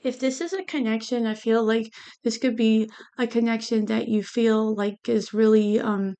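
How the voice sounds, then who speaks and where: Creaky-voiced woman with a lisp from braces. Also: fairly high pitch, steady tone, normal speed, dark tone. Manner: hesitant, meandering, repeats "you know". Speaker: tarot reader. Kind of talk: casual tarot card reading.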